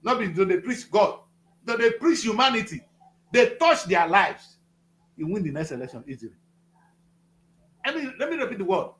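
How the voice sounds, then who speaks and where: This Nigerian studio guest in his fifties speaks about politics with passion in a high, sing-song, fairly bright voice, at a moderate pace with frequent pauses. The room is echoey. His manner is preachy and emphatic, and he repeats phrases for effect.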